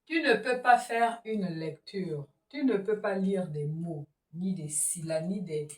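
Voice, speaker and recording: A woman teacher drills syllables at a very slow, deliberate pace, pronouncing each one clearly and loudly before a brief word of praise. Her voice sits at a middle pitch and is picked up from some distance in a roomy, echoing space. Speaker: reading teacher. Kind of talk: phonics reading lesson. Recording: roomy echo, voice from far off.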